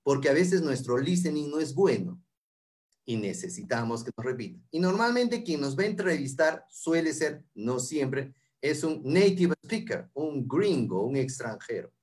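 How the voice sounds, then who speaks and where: Guy teaching english phrases, repeats them slow, voice goes up and down a lot, kinda high. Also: big pitch swings, a little mellow. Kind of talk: explaining English interview phrases.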